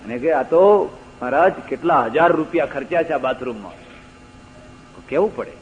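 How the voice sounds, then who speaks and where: In a lecture hall, an older man with a Gujarati accent gives a religious discourse packed with anecdotes, taking on the voices of the people in his stories. His somewhat high voice is animated and fairly quick, with rising, emphatic stresses. The audio is dull and lo-fi, like an old archival tape.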